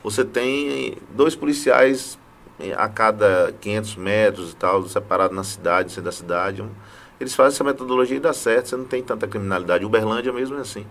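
A man's voice: fairly low pitch, brisk, a bit bright. A Brazilian man co-hosting a talk show, joking and giving rambling explanations. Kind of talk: casual chat.

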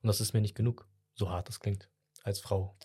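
A man hosting a casual podcast conversation, talking in a relaxed, reflective way. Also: lowish voice, fairly quick, husky. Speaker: podcast host.

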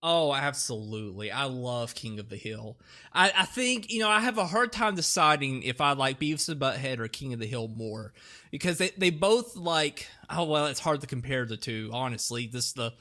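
Bright-voiced laughing podcast host man. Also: mid-range voice, lively intonation, moderate pace. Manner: laughs often, rambling with fillers. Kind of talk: casual chat.

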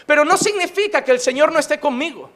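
High bright-voiced preaching man. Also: lively intonation, quick pace. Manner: impassioned, mixes humor and emphatic repetition. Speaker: pastor. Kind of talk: sermon.

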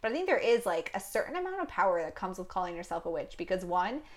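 Lively laughing woman chatting. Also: lowish voice, quick pace. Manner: laughs often, animated storytelling. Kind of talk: casual chat.

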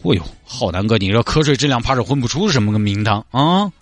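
A man plays a bragging, tipsy young driver with a Sichuan accent who chatters grandly, with a lively, bouncing pitch. Close, dry sound with faint music behind it. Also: fast talker, no room sound, lightly acted. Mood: boastful. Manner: boastful, chattering. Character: boastful drunk young male driver sidekick.

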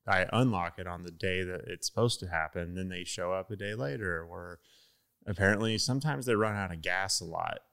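A man's voice: sits low, fairly quick, creaky, a bit bright, clear, resonant tone. A man guest in a casual chat, telling stories in an easygoing, wry way.

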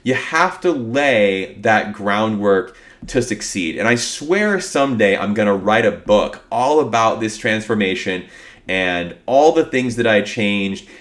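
A man with a fairly low voice hosts a solo podcast. He talks informally and with upbeat energy, as if chatting straight to his listeners. His voice carries the sound of a cold. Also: expressive, a little slow, fairly bright tone. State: sick with a cold, voice affected. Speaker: podcast host. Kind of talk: casual solo podcast talk.

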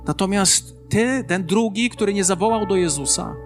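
High-voiced pastor preaching with repetition. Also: male voice, moderate pace, music in the background. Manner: earnest preaching with emphatic repetition. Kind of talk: sermon.

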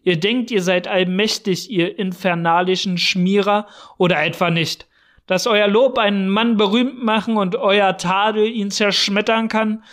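Guy doing a hot-tempered old scientist, high voice, pushy and sneering, audiobook style. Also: steady tone, unhurried. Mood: ranting, scornful. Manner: blustering and contemptuous, bursting into shouting. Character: short, explosive, arrogant older male scientist. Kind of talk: scripted audiobook reading.

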